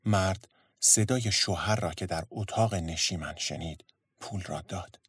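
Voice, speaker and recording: A man narrating a story in a steady, measured storytelling voice. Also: deep voice, husky, dry recording.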